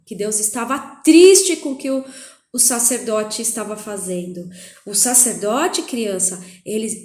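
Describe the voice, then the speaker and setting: Brazilian woman telling a Bible story to kids. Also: a little high. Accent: Brazilian Portuguese. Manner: animated, coaxing, addresses children. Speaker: Sunday school teacher. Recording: echoey room.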